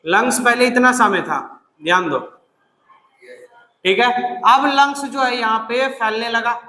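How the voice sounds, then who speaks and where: A man teaching a classroom lesson in a very high, sharp voice that rings through an echoey room with a long reverb tail. He dictates slowly, keeps urging students to answer, and scolds them bluntly. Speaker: biology teacher. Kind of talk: classroom lecture.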